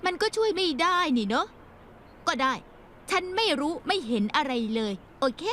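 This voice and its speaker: A woman's voice: extremely high pitch, sing-song, normal speed, fairly bright tone, a little hiss or hum, exaggerated voice. A woman dubbing a teenage schoolgirl in a TV drama, blunt and teasing with tearful moments. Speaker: voice actor. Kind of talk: dubbed TV drama.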